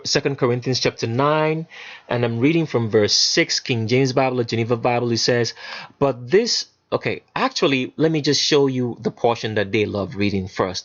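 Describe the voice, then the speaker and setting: A man's voice: on the high side, dull audio. A man hosting his channel, reading scripture aloud and explaining it in an emphatic, preachy way. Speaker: channel host. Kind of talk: bible teaching commentary.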